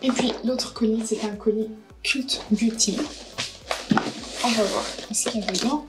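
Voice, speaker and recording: A woman's voice: a little high, steady tone, a little slow, over loud music, poor audio. A woman, chatting casually through a beauty haul and unboxing, thinking aloud with lots of hesitations. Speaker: beauty vlogger.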